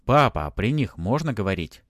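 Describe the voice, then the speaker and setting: A man voicing a brash, quick-witted young man bluffing his way through danger, in a storybook reading. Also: on the low side, very animated, dry recording, studio quality. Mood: brazen bluffing. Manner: brazen and bluffing.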